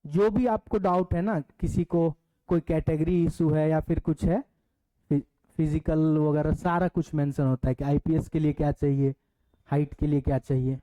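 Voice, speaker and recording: Mellow-voiced male teacher, Indian accent. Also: a little high, fairly even intonation, low-quality recording. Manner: explains step by step, asks the class questions; reads syllabus points aloud slowly in English. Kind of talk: online demo class.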